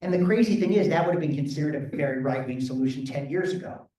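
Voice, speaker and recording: A rabbi with a mellow voice on the high side speaks fast while answering audience questions at a lecture, thinking aloud and restarting as he reasons. His microphone is failing, so he projects from a distance, and the echoey hall makes him sound far off, with a little hiss or hum.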